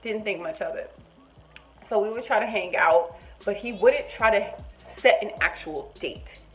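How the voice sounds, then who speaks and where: A woman telling a personal story in a casual vlog, acting out both sides of the conversation with lively voices. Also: mid-range voice, a little slow, faint music behind. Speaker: storytime vlogger.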